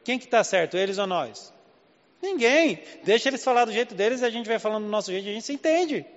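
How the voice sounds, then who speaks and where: Quick and high-voiced with lively intonation, a Southeast Brazilian pastor asks rhetorical question after question in a conversational sermon. The large church hall recording is muffled, and his accent is Southeast Brazilian Portuguese.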